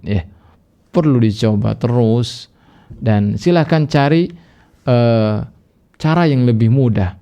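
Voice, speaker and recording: A man with a gravelly, slightly rough voice teaches Quran recitation in a recorded lesson. He explains patiently and stretches example words into slow, careful chanting. The sound is a little dull and lo-fi. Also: on the low side. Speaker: Islamic teacher.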